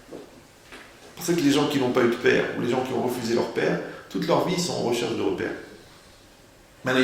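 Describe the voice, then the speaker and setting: A man giving a lively, humorous sermon, asking rhetorical questions and playing on words. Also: medium pitch, vocal fry. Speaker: rabbi giving a Torah lesson. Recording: very echoey room, faint background noise.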